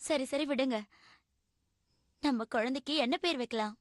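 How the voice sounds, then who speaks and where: A woman's voice: sits high, moderate pace, no room sound, clean studio sound, lightly acted. A woman doing a strict, nagging cartoon mom. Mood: gentle. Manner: scolding, firm. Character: strict cartoon mother, nagging but loving. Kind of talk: animated cartoon dub acting. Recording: faint background music.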